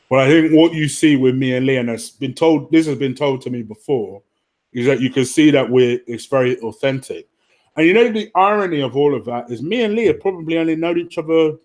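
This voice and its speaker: A man with a medium-pitched, darkish voice hosts a football fan livestream, talking to viewers informally and matter-of-factly as he rambles and swears.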